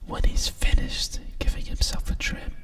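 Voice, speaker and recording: A storyteller whispers a bedtime picture book softly and soothingly, right in the listener's ear, in an unhurried ASMR style. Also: recorded from a distance. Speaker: storyteller reading a picture book aloud with asides.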